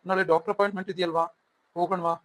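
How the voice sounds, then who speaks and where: A man's voice: high-pitched, level tone, very fast, a bit bright, rough recording. A man voicing Siddharth, a remorseful young husband. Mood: pleading. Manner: pleading, earnest. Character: remorseful young husband, pleading with his wife.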